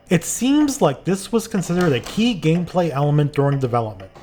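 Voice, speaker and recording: Higher-pitched man narrating, lively intonation. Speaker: video game reviewer. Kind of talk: scripted review narration.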